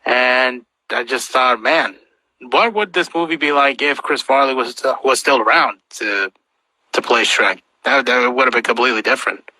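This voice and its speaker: A man's voice: medium pitch, moderate pace, bright, forceful tone, dry recording, low-quality recording. A man, a guest voice actor, chatting casually on a podcast, rambling with lots of fillers.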